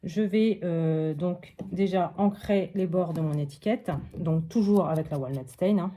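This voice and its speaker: Crafting vlogger, woman from France: slow, low-pitched, narrates each step casually with fillers. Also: mellow.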